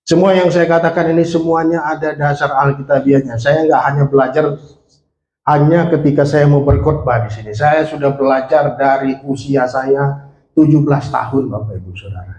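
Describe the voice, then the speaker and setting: A man in his late forties with an Indonesian accent preaches a sermon in a church, his mid-range, darkish voice moving at a normal speed. He pulls the congregation in with questions and calls for amen, and the hall is echoey.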